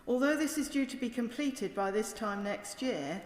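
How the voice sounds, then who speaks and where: A British woman makes a formal speech in a parliamentary debate. Her voice sits fairly high, and she is measured yet emphatic and critical. The sound is echoey, with the long reverb of a large chamber. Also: lively intonation. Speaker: member of parliament giving a speech.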